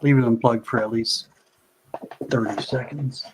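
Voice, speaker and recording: A man's voice: medium pitch, steady tone, measured pace. Easygoing joking man, off-mic, noisy background. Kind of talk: casual chat.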